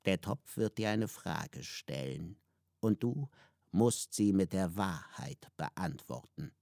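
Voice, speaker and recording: A man doing a low, hushed wise helper. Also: animated, takes it slowly, creaky, no echo, clean studio sound, heavily acted. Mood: instructive. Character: old wise male helper setting trials.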